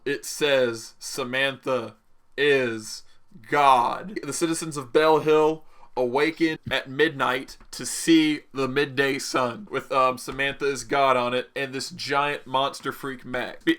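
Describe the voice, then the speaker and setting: A man's voice: medium pitch, fairly bright tone. A man game master improvising story narration in a casual, rambling way, often revising his phrases.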